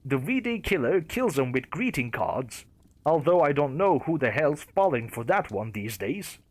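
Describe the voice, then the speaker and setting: A man's voice: a little high, big pitch swings, unhurried, dry recording. A man voicing a blunt, teasing young woman on a diner date in a creepypasta narration.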